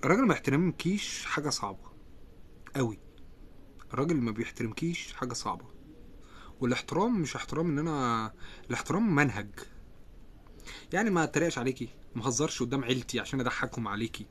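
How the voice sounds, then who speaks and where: Fast-talking Egyptian man on a live stream. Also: medium pitch, lively intonation, a bit bright, slightly rough. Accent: Egyptian Arabic. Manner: quick-talking, chatty, reads out comments and answers them. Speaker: live-stream host answering viewer comments. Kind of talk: casual live-stream chat.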